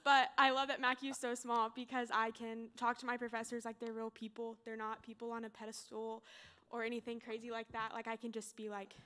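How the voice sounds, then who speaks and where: Young woman, college senior; chatty and nervous, lots of "um"s; smooth, clear, slightly high voice. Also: little pitch movement, fairly quick, bright, forceful tone. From Oklahoma, USA. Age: young adult. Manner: nervous, bubbly, full of fillers. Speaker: graduating senior speaker. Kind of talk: informal chapel talk.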